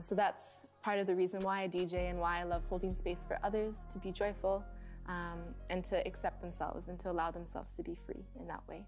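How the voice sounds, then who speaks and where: Calm, thoughtful woman in her twenties. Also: medium pitch. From Canada. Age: 20s. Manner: calm, thoughtful, frequent "um" pauses. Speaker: artist and DJ interviewed in a short film. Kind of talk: reflective personal talk to camera.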